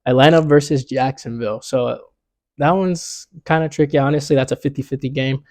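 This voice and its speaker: Young man, sports picks vlog host, laid-back slangy chatter, gravelly low-key tone, dry close sound. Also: fairly quick, a little mellow, no room sound. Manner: laid-back slangy, says "you know what I'm saying" a lot. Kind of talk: casual sports picks talk.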